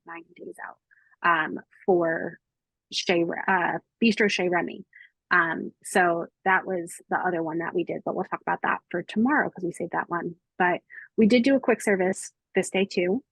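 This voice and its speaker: Travel podcast co-host: American woman, lower register, slightly husky, informal and chatty, close dry sound. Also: no room sound, low-quality recording. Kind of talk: casual podcast chat.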